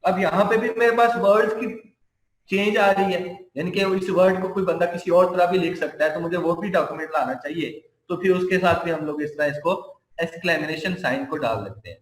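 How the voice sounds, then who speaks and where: A man gives a computer science lecture, walking through each step slowly and going over points again. His voice sits high for a man. The room is echoey. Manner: explains step by step, repeating points.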